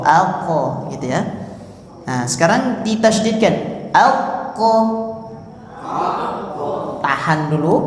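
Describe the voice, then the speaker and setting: Man, unhurried patient drill-style teacher; long roomy reverb. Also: fairly high pitch, a little mellow. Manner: patient, drills sounds by repeating them. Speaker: Quran recitation teacher. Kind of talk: tahsin pronunciation lesson. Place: mosque hall. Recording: echoey mosque hall with long reverb.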